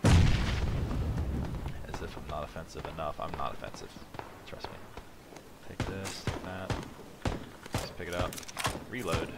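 A man with a lowish voice talks his way through a game in a loose, rambling way. He mocks himself and thinks aloud about what to pick up next. Steady noise sits clearly behind the voice. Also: takes it slowly, pauses often. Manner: rambling, self-mocking asides. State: sleepy, yawning at the start. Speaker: gaming channel host. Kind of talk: casual let's play commentary.

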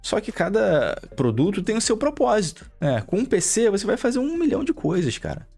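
A man's voice: high voice, huge pitch swings, brisk, a little mellow, faint music behind. Profane, sarcastic Brazilian man ranting. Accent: Brazilian Portuguese. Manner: profane, sarcastic, mocks viewers in put-on voices. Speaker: gaming YouTuber. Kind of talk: opinion rant to camera.

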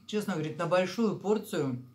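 A woman's voice: on the low side, expressive, fairly quick, a little mellow. A woman vlogger chatting casually to camera about her food while chewing, in a homely, rambling way. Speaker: mukbang vlogger.

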